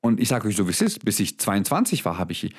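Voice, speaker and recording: A man's voice: fairly low pitch, wildly swooping pitch, fast talker, breathy edge. A young man delivering a motivational monologue, talking straight at his listener. He is blunt and emphatic, swears often, and slips English words into his speech. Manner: emphatic, addresses listener directly. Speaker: motivational speaker.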